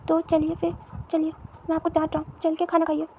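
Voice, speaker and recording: A woman's voice: very high-pitched, monotone, fairly quick, dark tone, slight background noise. A woman voicing a shy, caring young man who talks earnestly and stammers when nervous. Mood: playful pleading.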